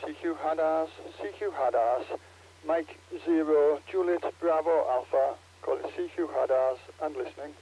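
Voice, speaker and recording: A man on amateur radio calling the net slowly in the phonetic alphabet, his voice received faintly over the air. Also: fairly high pitch. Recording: dull, noisy radio reception from far off.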